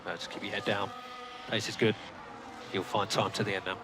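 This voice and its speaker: A man's voice: lowish voice, level tone, brisk, background noise. A man as a race engineer giving terse, clipped instructions over team radio. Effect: team radio from a race car.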